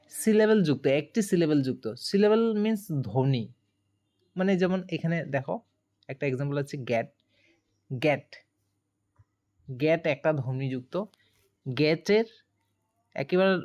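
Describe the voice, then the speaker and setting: A woman's voice: low voice, darkish tone. A woman teaching a grammar lesson, explaining each rule step by step, spelling words letter by letter and asking her students questions as she goes.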